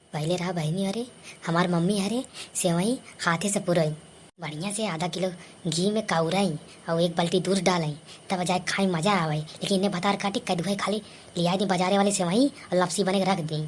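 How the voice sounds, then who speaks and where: A woman's voice: fairly low pitch, fairly even intonation, moderate pace. A woman with an Awadhi accent voicing a bossy elder sister-in-law who scolds and complains in a cartoon comedy, with faint noise behind. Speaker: comedy voice artist. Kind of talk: scripted cartoon comedy dialogue.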